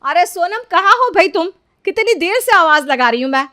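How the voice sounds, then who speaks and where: A woman doing a shrill, bossy sister-in-law. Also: a little fast, no room sound, studio quality, lightly acted. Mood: nagging. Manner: loud, scolding, high-pitched. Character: bossy young elder sister-in-law, nagging.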